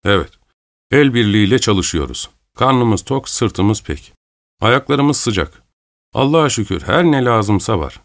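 A man reading a story aloud, voicing a smug, gruff peasant coal carrier who lectures in a droning tone. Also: fairly low pitch, expressive, measured pace, no room sound, clean studio sound. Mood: smug lecturing. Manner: droning, lecturing, self-satisfied.

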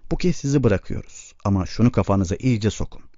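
A man's voice: fairly low pitch, animated, brisk, warm tone, no room sound, natural voice. A man voicing a tough young male camp guard who speaks bluntly and with threat. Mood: threatening. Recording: dull lo-fi recording.

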